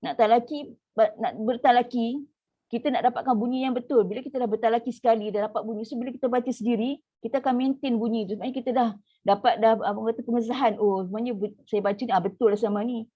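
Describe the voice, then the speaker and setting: A woman with a Malaysian Malay accent teaching an online tajwid class, explaining in a chatty way with many "ha" fillers and slowly modelling drawn-out recitation. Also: fairly high pitch, fairly even intonation, highs cut off.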